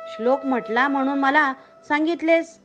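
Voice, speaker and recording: A woman's voice: high voice, moderate pace, fairly bright tone, muffled recording, soft background music. Woman reading as a stern, loving village mother. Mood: scolding. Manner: firm, scolding.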